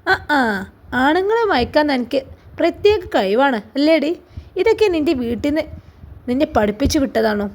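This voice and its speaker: A jealous, sneering sister-in-law, put on by a woman narrator, hisses her spite. The voice sits high and pointed. She is a storybook figure who gossips and scolds. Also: sing-song, normal speed. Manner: sneering, hushed and hissing.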